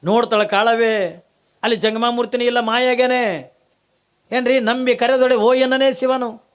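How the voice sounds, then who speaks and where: A man's voice: little pitch movement, normal speed, clean tone. A man preaching a storytelling sermon, acting out the story's characters and repeating phrases for emphasis. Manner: voices the story's characters, rising to high-pitched loud exclamations. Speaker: religious preacher.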